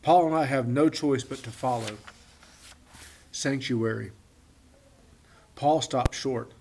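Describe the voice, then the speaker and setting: A man giving an expressive storybook narration in the first person. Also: medium pitch, slow, slight background noise. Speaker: audiobook reader.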